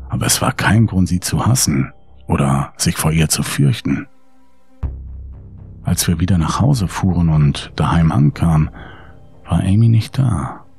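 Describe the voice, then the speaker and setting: Male horror audiobook narrator, deep and raspy, with a creaky edge and faint music behind. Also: a little mellow.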